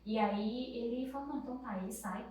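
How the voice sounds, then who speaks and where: Brazilian mother, emotional testimony, slightly high voice; echoey, distant recording. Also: fast talker, a little mellow. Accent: Brazilian Portuguese. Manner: tearful, pleading retelling. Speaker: guest, mother. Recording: echoey room, mic at a distance.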